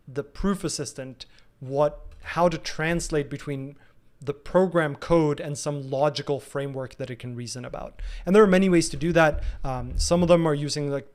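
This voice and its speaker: A man in his thirties answering viewer questions casually in a live stream, thinking aloud with frequent ums and restarts. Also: fairly high pitch. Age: 30s.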